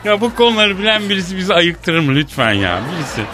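A man hosting a radio comedy show, bantering loudly and staging a mock phone call in a teasing, mock-indignant way. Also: high-pitched, sing-song, fast talker, background noise.

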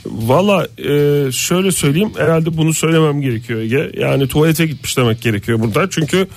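A man's voice: on the high side, fast talker. A man hosting a comedic podcast, telling a story with hesitant fillers and laughs.

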